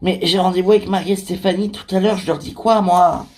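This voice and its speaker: A single performer carries a whole cast in an amateur toy-figure series. The voice sits at a middle pitch, hopping up and down between characters in loose, filler-heavy everyday dialogue. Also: fairly even intonation, a little fast, darkish tone.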